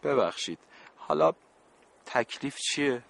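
A man's voice: mid-range voice, big pitch swings, gravelly, fairly bright tone, full character voice. A man playing a good-natured adult camp supervisor in a radio play, talking in a joking, exasperated, pleading way.

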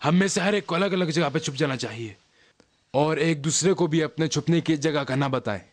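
A man's voice: a little high, normal speed, natural voice. An actor playing a cautious male conspirator in a dubbed historical drama, urgent and tense. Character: cautious male conspirator urging the group to hide.

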